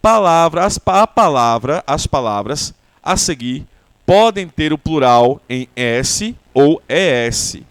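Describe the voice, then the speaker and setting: A Brazilian man with a Brazilian Portuguese accent, an English teacher giving a language lesson and explaining slowly with repeated example words. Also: on the high side, clean tone, no room sound.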